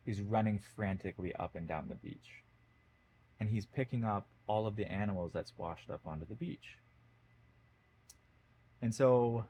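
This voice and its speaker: A man, a podcast guest, telling a story in a casual conversation, with fillers and animated emphasis. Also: fairly low pitch, low-quality recording.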